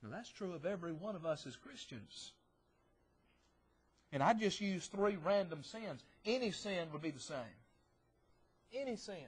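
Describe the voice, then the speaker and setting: A man preaching a sermon in church, stressing phrases loudly and dropping to quiet asides, asking rhetorical questions and answering them himself. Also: fairly high pitch, slightly rough.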